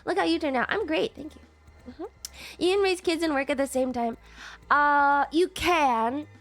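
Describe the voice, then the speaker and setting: Very high-pitched, cute anime-style woman streamer. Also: normal speed, fairly bright tone, soft background music. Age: 20s. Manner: giggly, playful. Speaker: VTuber livestreamer. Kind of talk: casual livestream chat, reacting to viewer messages.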